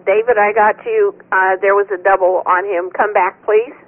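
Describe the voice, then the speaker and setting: A woman's voice: medium pitch, fairly even intonation, normal speed. A woman hosting an amateur radio net as net control, speaking procedurally over two-way radio. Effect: two-way radio transmission. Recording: tinny narrow-band radio, clear static noise.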